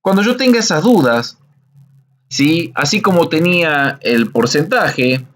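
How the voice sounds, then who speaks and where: A man's voice: fairly high pitch, expressive, unhurried, a bit bright. A man teaching a screen-recorded coding lesson, explaining patiently step by step and often checking in with listeners.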